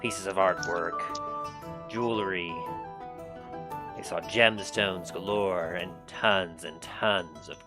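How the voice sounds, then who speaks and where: A man with a fairly low voice narrates as game master. His storytelling is halting, recapping a fantasy tabletop adventure over clearly audible guitar music. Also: fairly even intonation. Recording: prominent guitar music behind voice.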